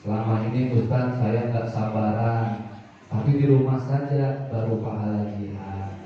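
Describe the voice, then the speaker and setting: A man's voice: mid-range voice, fairly even intonation, a little slow. Echoey preacher man in a mosque. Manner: call-and-response questions, jokes, sings prayers. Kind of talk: lively Islamic sermon. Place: mosque gathering. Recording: echoey mosque hall from far off, dull sound.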